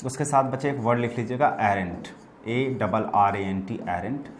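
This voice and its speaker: A man's voice: fairly low pitch, normal speed, a little hiss or hum. A man teaching English vocabulary in a chatty, repetitive way, calling his students "beta" and "bachche" as he goes through synonyms and opposites. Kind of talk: explaining English words in Hindi to students.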